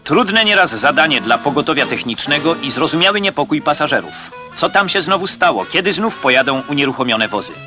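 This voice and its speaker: A man narrating an old 1960s newsreel in a crisp, declamatory way, occasionally wry. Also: a little high, sing-song, a little fast. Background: music.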